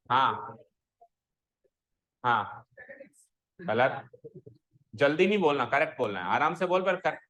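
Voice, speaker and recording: A man with a somewhat high, slightly bright voice teaches a school maths class as a classroom lecture. He mixes Hindi with English and drills his students on pronunciation.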